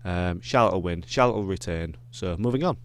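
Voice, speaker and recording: Rambling Yorkshire man, low voice. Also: brisk, clear, resonant tone. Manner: rambling, many ums and self-corrections. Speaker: wrestling reviewer. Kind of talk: casual predictions chat.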